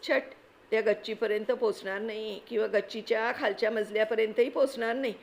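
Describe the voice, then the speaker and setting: A woman's voice: fairly high pitch, fairly even intonation, a little fast, gravelly. Storybook boy, plucky, urgent, commanding, voiced by a woman. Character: plucky resourceful boy planning escape.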